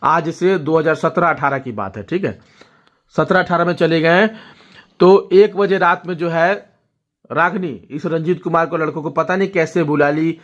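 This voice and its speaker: A man's voice: fairly high pitch, moderate pace, fairly bright tone. Man telling a family story, lo-fi sound. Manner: storytelling, addresses viewers directly with frequent "ठीक है?". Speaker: vlogger. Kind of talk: casual talk to camera.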